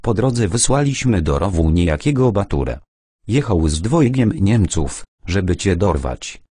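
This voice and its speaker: Deep, husky male audiobook narrator. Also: sing-song, measured pace, mellow, dry recording, studio quality. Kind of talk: first-person audiobook narration.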